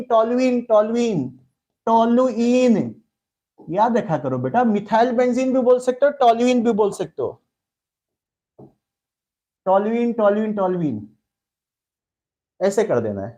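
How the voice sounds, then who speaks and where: Indian man, chemistry teacher, live online lecture, coaxing, repetitive, warm low voice. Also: highs cut off. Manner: coaxing, calls students "beta", repeats words.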